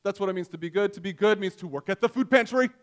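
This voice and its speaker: A man in his forties delivers a sermon from a church stage, his voice sitting noticeably high for a man. He keeps it conversational and self-deprecating, telling homely stories between points. The sound is close and clean from a headset mic. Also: quick pace. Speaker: pastor.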